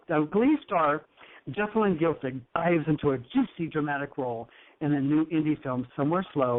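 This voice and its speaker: A man hosting a talk show in a flamboyant, teasing, effusive manner. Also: on the high side. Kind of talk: campy talk show chat. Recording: tinny phone-like line.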